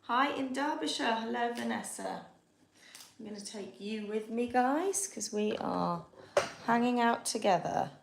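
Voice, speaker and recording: Her voice is a little high, animated, unhurried, and creaky as she hosts a live sewing tutorial from her kitchen, chatting and reasoning aloud. She is a Yorkshire-accented woman from Yorkshire, England. The recording is echoey, with background noise.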